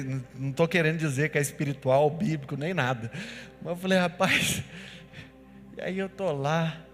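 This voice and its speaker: A man with a Brazilian accent from Goiás, a pastor preaching a sermon, telling personal stories and building to loud declarations. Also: fairly high pitch. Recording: long hall reverb, faint music.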